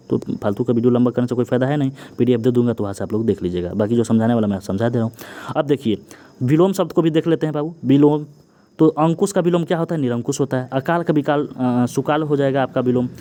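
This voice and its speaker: A young male tutor races through an exam-prep grammar lesson. His voice is dark and mellow, at a middling pitch. He rattles off examples one after another and keeps checking in with his students. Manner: rapid list-reading with frequent "ठीक ना" checks and "Babu" address. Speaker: exam coaching teacher. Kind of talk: online Hindi grammar lesson.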